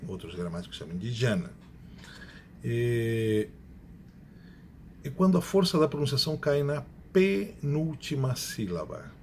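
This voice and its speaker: Guy teaching a grammar class, medium voice, explains step by step, faint hiss behind. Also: medium pitch. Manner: explanatory, repeats examples slowly, self-corrects. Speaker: Spanish teacher.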